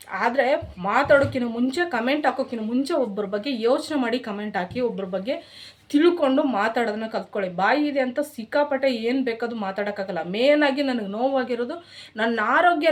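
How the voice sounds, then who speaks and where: Indignant Kannada-accented woman vlogger, slightly high. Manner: indignant, scolding, repetitive and emphatic. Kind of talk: emotional direct-to-camera rant.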